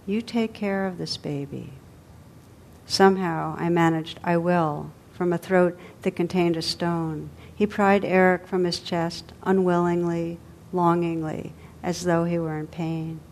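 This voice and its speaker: A woman storyteller reading a tale aloud in a somewhat low voice. Her delivery is gentle and expressive, and her lines trail off softly at the ends. The pace is unhurried.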